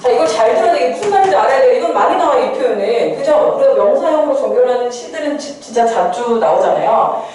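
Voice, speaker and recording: A woman's voice: on the high side, lively intonation, quick pace, hardly any pauses, darkish tone. A woman teacher giving a poetry lesson, who asks questions and answers them herself. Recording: echoey room, far from mic, faint noise.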